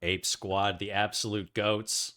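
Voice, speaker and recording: Bright-voiced excitable esports caster man. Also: fairly low pitch, slow pace. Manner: excitable play-by-play, rising to shouts. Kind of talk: live game commentary.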